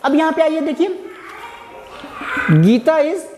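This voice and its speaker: A man teaching grammar, who asks his students rhetorical questions and answers them himself, and repeats and spells out words slowly. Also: very high voice, very animated, warm tone. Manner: slow, repetitive explaining with spelled-out words. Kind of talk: explaining lesson to students. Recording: echoey room with faint background noise.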